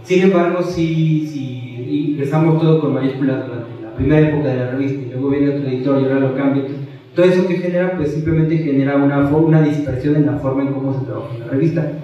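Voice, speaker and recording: A man on a panel giving a brisk, precise clarification of a technical point. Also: medium pitch, steady tone. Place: large auditorium. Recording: dull, echoey hall, far from the mic.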